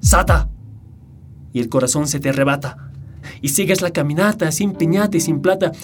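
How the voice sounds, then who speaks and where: A man's voice: fairly high pitch, brisk, darkish tone, a little hiss or hum. A man reciting a dramatic, rhythmic spoken-word poem full of rhyming wordplay. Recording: music behind the voice.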